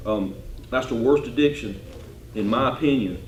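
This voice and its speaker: A man's voice: medium pitch, normal speed, a little hiss or hum. A man, a sheriff speaking emphatically at a club meeting and repeating himself. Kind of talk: casual talk at a club meeting. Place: meeting room. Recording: echoey room, distant mic.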